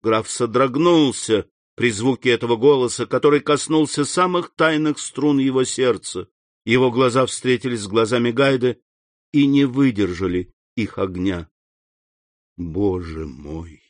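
A man reading a classic novel aloud in a measured, expressive way. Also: mid-range voice, dry recording, clean studio sound. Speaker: audiobook narrator.

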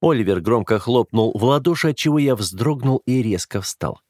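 Expressive male audiobook narrator. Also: medium pitch, moderate pace, dry recording, studio quality. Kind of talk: scripted first-person narration.

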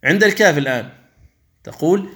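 Teaching Quran recitation, a man speaks in a slightly high, expressive voice with a fairly bright tone. His explanation of each rule is slow and careful, his examples are drawn out as chant, and sometimes he contrasts an erroneous reading with the correct one.

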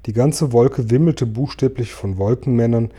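A man reading a children's storybook aloud in a calm, measured way. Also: mid-range voice, husky. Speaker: reader.

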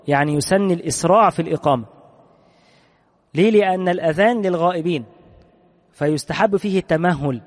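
A man's voice: sits high, darkish tone, big-room sound. A man with an Egyptian accent giving a religious lesson. He reads a line from a text, then explains it in plain speech and puts questions to himself. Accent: Egyptian Arabic. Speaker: sheikh teaching a jurisprudence text.

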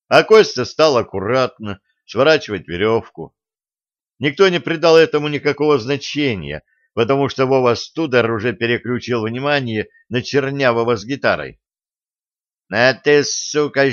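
A man narrating an audiobook in an even, steady storytelling manner, from a dull lo-fi recording. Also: mid-range voice, no echo.

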